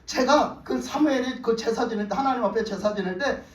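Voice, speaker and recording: A man's voice: extremely high pitch, brisk. A preacher voicing a proud biblical king who wheedles and makes excuses, in a roomy hall from a distant mic. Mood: pleading.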